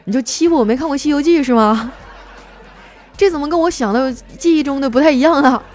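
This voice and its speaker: A woman's voice: high-pitched, brisk, darkish tone, faint music behind, some chatter behind. A woman hosting a show, reading out listeners' jokes and answering them with playful, teasing, self-mocking banter. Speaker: radio-style host reading listener jokes. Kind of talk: comedic joke reading and banter.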